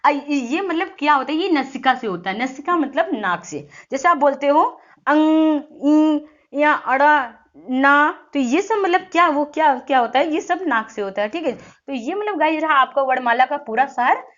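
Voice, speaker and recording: A woman's voice: sits high, lively intonation, normal speed, a bit bright. A woman teaching an exam-prep lesson, explaining step by step, sounding out letters and often checking in with listeners. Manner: frequent "thik hai" check-ins. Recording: dull lo-fi audio.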